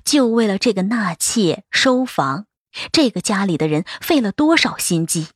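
A woman narrating a novel as an audiobook in a steady, even storytelling voice. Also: mid-range voice, normal speed, husky, dry recording, studio quality.

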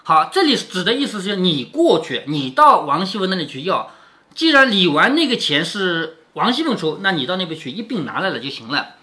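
A man's voice: high voice, very animated, a little fast, bright, forceful tone. A man reading a classic novel aloud to his daughter and explaining it, often asking "isn't it?". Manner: keeps asking rhetorical "isn't it?".

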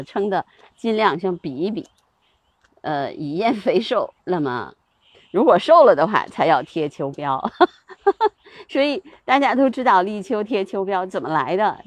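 Chatty woman host, husky and lively, fillers and light laughs. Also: on the low side, dry recording. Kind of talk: casual spoken talk on seasonal customs.

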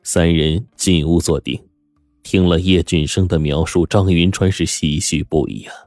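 A man's voice: low voice, steady tone, moderate pace, darkish tone, no echo, clean studio sound, faint music behind. A man narrating a story with dramatic delivery, the host of the show. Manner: dramatic, swings into character voices.

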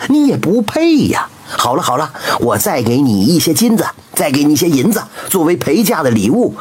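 A man's voice: a little high, very animated, fairly quick, a little mellow, slightly rough. A man doing a blustering, scornful king. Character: pompous, hot-tempered old king.

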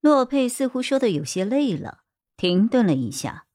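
A woman narrating a detective novel in an expressive storytelling manner. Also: on the high side, normal speed, no echo, clean studio sound. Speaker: audiobook narrator.

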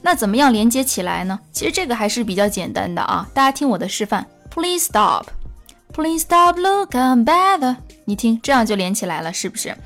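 女老师讲解英文发音，语调偏高. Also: female voice, a little high. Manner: patient, demonstrates phrases slowly and repeats them. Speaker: English teacher. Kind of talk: English pronunciation lesson.

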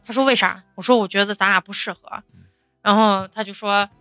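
A young woman from Xi'an telling a story in casual chat, animated and laughing, acting out others' lines. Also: medium pitch, brisk, dry recording, faint music behind. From Xi'an, China. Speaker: storyteller on a podcast panel.

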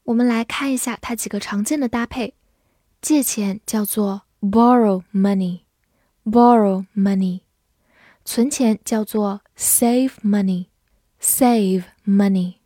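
A woman teaching English vocabulary, spelling words letter by letter and reading example sentences slowly. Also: medium pitch, dark tone, dry recording, studio quality. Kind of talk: vocabulary lesson.

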